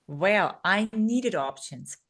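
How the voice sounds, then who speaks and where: A woman in her thirties, born in Serbia and now from Vienna, Austria, appears as a podcast guest; she's a speaker and coach. She tells personal stories conversationally in a mid-range voice, slowly, with lively intonation.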